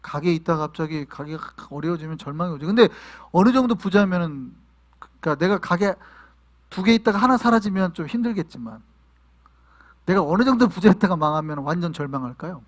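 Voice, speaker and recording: A male pastor preaching a sermon to his congregation, asking them questions and sometimes shouting. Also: fairly high pitch, a little fast. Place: church in New York.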